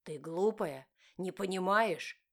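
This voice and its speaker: A woman voicing an angry, domineering young husband who growls and shouts in a lowered, slower voice. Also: fairly even intonation, close to an everyday voice. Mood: furious.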